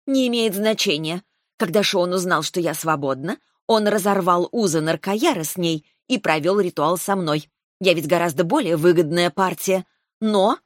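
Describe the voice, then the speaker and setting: A woman's voice: on the low side, normal speed, no room sound, studio quality, natural voice. A woman voicing a vain, seductive and spiteful dragoness who speaks coyly and haughtily. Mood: haughty.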